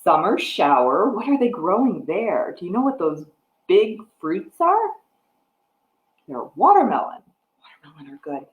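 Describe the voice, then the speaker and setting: A middle-aged American woman, a children's librarian hosting storytime, reads a picture book aloud and talks about a craft to young children, her pitch swooping lively as she explains simply and asks the listener questions. She keeps a measured pace. A device microphone about arm's length away captures roomy, phone-quality sound in a home room with a wooden floor and a piano.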